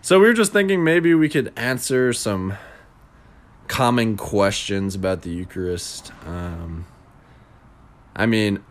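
A man's voice: lowish voice, slow, pauses often. A young man co-hosting a podcast, chatting in an easygoing way and laughing often. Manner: easygoing, laughing, many fillers. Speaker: podcast co-host. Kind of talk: casual chat.

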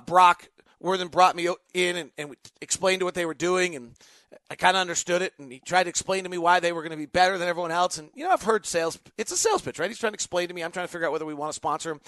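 Speaking high with a sharp tone, an American basketball announcer and insider hosts a laid-back live sports podcast. He talks conversationally and emphatically, voicing his opinions along the way, with no echo in the recording.

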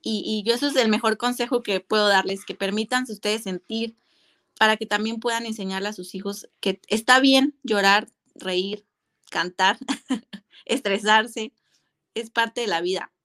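A woman's voice: medium pitch, steady tone, a little slow, fairly bright tone. A woman, a mother talking candidly and reflectively in a casual interview, with many fillers and restarts. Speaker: guest mother.

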